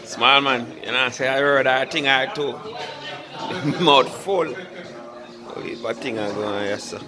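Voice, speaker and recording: A man's voice: medium pitch, steady tone, unhurried. A man bantering in patois while filming a family dinner. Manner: joking, laid-back patois banter. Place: family home at a holiday dinner. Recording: music and crowd chatter clearly behind.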